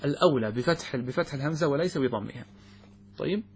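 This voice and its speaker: A man's voice: fairly high pitch, animated, brisk, slight background noise. A man teaching a classical religious text to students, explaining it point by point, often repeating words and checking whether his students have understood. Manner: asks students check questions, repeats words, restarts phrases. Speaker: sheikh teaching fiqh.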